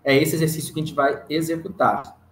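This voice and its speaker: A man's voice: fairly high pitch, fairly even intonation, fairly quick. Brazilian man teaching rhythm, roomy echo. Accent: Brazilian Portuguese. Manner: patient, counts and sings rhythm syllables aloud. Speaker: music teacher. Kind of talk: online music theory class. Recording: roomy echo, faint hiss.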